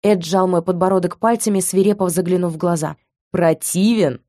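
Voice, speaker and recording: A woman narrating a first-person story as an audiobook reader, with even storytelling. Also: lowish voice, fast, no room sound, studio quality.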